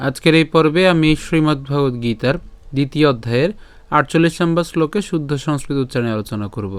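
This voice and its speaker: A man teaching the pronunciation of a Sanskrit verse syllable by syllable, asking and answering his own questions and chanting the lines slowly. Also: a little high, smooth, no echo. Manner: breaks words into syllables, repeats them, asks and answers his own questions. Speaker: Gita recitation teacher. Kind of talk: step-by-step Sanskrit pronunciation lesson.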